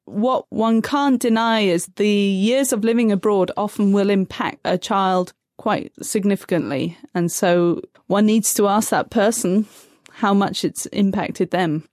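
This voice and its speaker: Woman guest expert, methodical and calm, dry close recording. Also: medium pitch, a little slow, no room sound. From Tanzania. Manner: calm, methodical, defines terms step by step. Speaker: guest expert on third culture kids. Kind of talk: measured explanatory interview answers.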